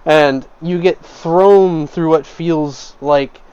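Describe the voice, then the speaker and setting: A man's voice: on the high side, drawn-out words, a little mellow, clean tone, dull audio. A man narrating a tabletop game as game master, describing scenes at length with frequent fillers.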